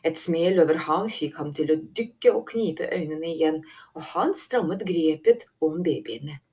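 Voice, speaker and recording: A woman reading a fantasy novel aloud as an audiobook narrator, in calm, even storytelling. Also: low voice. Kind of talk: scripted narration.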